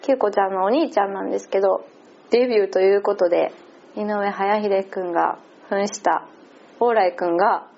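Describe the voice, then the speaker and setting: A woman's voice: mid-range voice, steady tone, fairly quick, gravelly, darkish tone. A woman with a Kansai accent chatting casually and laughing often as she recaps an event. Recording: slightly muffled lo-fi audio.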